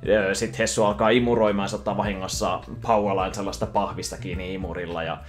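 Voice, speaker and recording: A man casually retelling a cartoon film from memory, animated and quick to slip into voices. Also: deep voice, faint music behind. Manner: animated, breaks into voices and laughter. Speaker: YouTuber.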